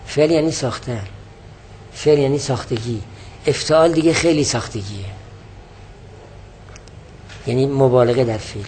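A man's voice: medium pitch, pauses often, darkish tone, slight background noise. A man lecturing on a religious text, patiently explaining word meanings and repeating key definitions. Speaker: teacher of religious texts.

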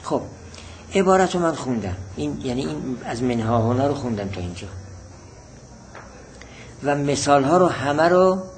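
Male teacher, seminary lesson style, patient explainer who repeats key points, medium pitch, light background noise. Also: expressive, rough recording. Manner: patient, repeats definitions slowly. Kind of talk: seminary text lesson, reading and explaining Arabic.

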